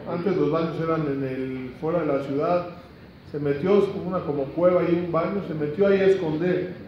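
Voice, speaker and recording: A man's voice: a little high, fairly even intonation, brisk, slight background noise. Man telling a story in an echoey room. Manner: dramatic, acts out quotes. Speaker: rabbi teaching Talmud stories. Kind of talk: animated storytelling lesson. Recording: echoey room, distant dull mic.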